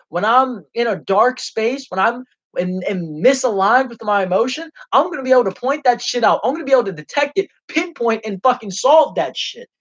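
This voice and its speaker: A man's voice: extremely high pitch, a bit bright. A young man hosting his own livestream, ranting passionately and angrily with lots of swearing. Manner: passionate, profane and heated. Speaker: livestream host. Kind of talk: unscripted livestream rant. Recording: dull lo-fi stream audio.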